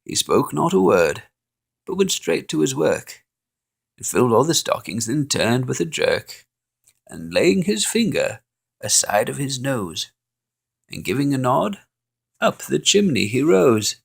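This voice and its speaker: A storyteller gives a playful, expressive reading of a holiday poem, chuckling as he goes. His gravelly, unhurried voice rises and falls in lively swoops.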